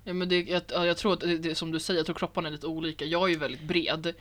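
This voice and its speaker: A young woman chatting casually and acting out the people in her stories. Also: lowish voice. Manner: animated storyteller, acts out quotes. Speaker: reality show contestant. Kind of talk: casual podcast chat.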